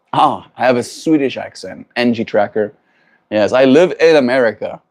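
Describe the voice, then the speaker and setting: Speaking at a moderate pace in a mid-range, slightly mellow voice, a man from South Africa chats thoughtfully with viewers on his livestream. He answers their questions casually and keeps tacking tag questions onto what he says.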